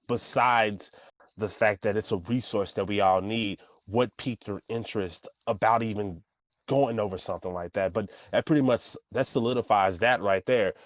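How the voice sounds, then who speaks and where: A man hosting a casual interview podcast, talking in a halting way and often repeating words as he gathers his thoughts. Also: on the low side, dry recording. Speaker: podcast host.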